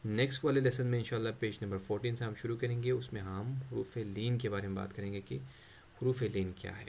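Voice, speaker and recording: A man's voice: on the low side, steady tone, creaky, darkish tone, slight background noise. Methodical male tajweed teacher drilling syllables. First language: Urdu. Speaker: Quran recitation teacher. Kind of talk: tajweed lesson, explaining letters and demonstrating sounds.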